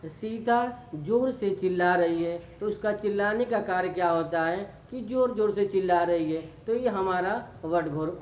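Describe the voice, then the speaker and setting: Woman, hindi accent, teacher explaining grammar, echoey dull room recording, faint background hum. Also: medium pitch. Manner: explains slowly with many restarts and repetitions. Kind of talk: grammar lesson for students. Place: classroom.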